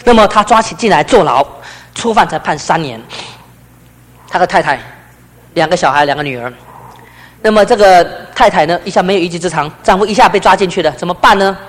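Fast high-voiced preacher. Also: male voice. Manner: storytelling, swings from loud emphasis to hushed low passages. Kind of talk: testimony sermon. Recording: long hall reverb.

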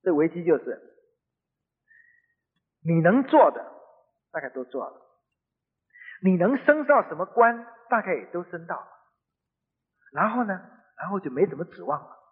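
A man's voice: high-pitched, big pitch swings, normal speed, long pauses, slightly rough. A middle-aged man preaching, telling a story earnestly and conversationally in a radio sermon. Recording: tinny phone-like radio broadcast with long reverb.

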